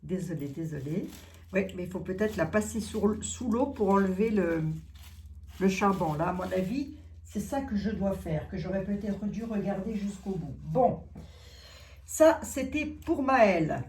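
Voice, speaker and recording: A chatty middle-aged woman hosts a casual unboxing for her viewers. She thinks aloud as she goes, repeating words and filling pauses. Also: mid-range voice, lively intonation, darkish tone. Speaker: psychic channel host opening gifts.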